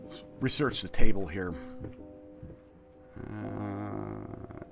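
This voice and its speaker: A man's voice: lowish voice, huge pitch swings, drawn-out words, vocal fry, music in the background. A man with a slushy lisp on his s sounds giving casual, jokey video game commentary, muttering asides and reading notes aloud.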